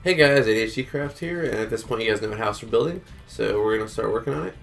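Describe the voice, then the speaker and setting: Speaking fast in a lowish voice with vocal fry, a gaming tutorial host who's a little under the weather guides viewers through a building tutorial one step at a time. He stays relaxed, counts the blocks out loud, and leans on plenty of fillers.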